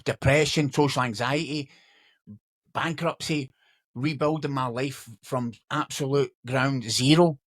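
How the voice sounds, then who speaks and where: Scottish male speaker in his forties, earnest motivational delivery with frequent restarts, slightly raised pitch, dry recording. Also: dry recording. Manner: earnest, repeats words when restarting; becomes emotional when recalling loss. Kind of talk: motivational monologue.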